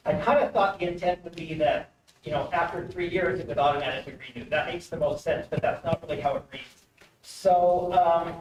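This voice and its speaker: A man giving public comment at a meeting, measured and a little hesitant as he explains a concern. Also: fairly high pitch. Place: indoor public meeting room. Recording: echoey room, distant mic, faint noise.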